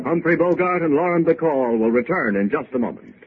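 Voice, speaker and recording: A man working as a radio announcer, reading commercials and sign-offs with a lively, emphatic sales delivery, heard from an old broadcast disc transcription. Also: on the high side, brisk, over loud music. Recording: thin, narrow-band old radio disc with faint hiss.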